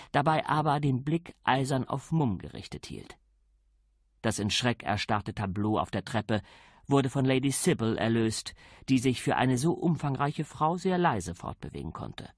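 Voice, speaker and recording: Male audiobook narrator, lively and dry. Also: mid-range voice, dry recording. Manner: measured, wry storytelling.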